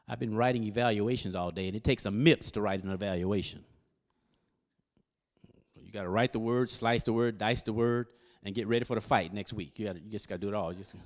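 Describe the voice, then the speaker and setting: A man preaching a sermon, quizzing his congregation and building up to loud exhortation. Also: fairly low pitch. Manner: call-and-response with the congregation; animated, rising to loud exhortation. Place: church service.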